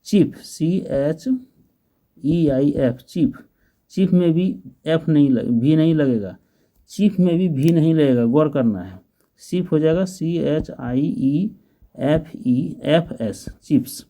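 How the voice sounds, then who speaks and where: A man's voice: a little high, lively intonation, dark tone. A man teaching English grammar, spelling out each word letter by letter and asking questions as he goes. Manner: patient, spells letters slowly and asks the class questions. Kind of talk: slow grammar lesson, spelling out words.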